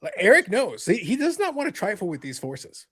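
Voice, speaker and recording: A man's voice: sits high, wildly swooping pitch, a little fast, fairly bright tone, breathy edge. A man bantering casually and teasingly, theatrically repeating phrases for emphasis. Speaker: hobby talk show panelist.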